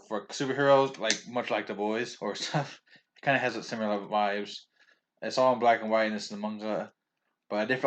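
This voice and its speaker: A man with a medium-pitched, fairly bright voice is vlogging about a manga haul he bought. He rambles casually, often restarts and trips over names, and comes across as chatty and opinionated, chuckling frequently.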